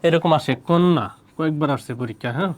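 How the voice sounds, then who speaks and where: A man's voice: fairly high pitch, fast, darkish tone, a little hiss or hum. A man from Bangladesh teaching pronunciation rules, repeating himself and asking questions he answers himself. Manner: repetitive, asks and answers his own questions. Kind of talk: spoken lesson on pronunciation rules.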